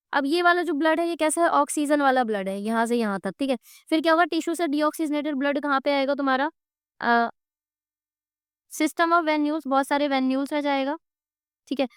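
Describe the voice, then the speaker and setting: A high-voiced woman with an Indian accent teaches an exam-prep lecture, her throat a little sore. She keeps asking her students questions and answers them herself as she draws diagrams. The sound is dry and close, with no room around it. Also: dry recording. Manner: quizzing students with repeated questions; drawing on a board while explaining.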